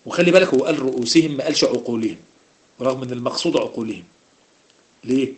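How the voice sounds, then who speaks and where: Egyptian man, middle-aged, preacher; very rapid, animated, rhetorical questioning style. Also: mid-range voice. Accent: Egyptian Arabic. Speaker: preacher explaining Quran verses. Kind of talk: religious lesson in colloquial speech.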